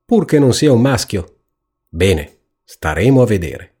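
A man's voice: lowish voice, big pitch swings, unhurried, dark tone, slightly rough, exaggerated voice. Man playing a scheming half-blind old woman. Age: older. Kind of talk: storybook reading.

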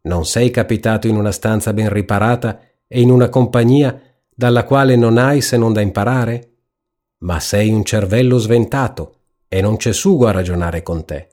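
A man's voice: lowish voice, normal speed, darkish tone, natural voice. A man reading a storybook aloud, voicing a fussy, self-important hen who lectures in an ironic, preachy way. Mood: scolding.

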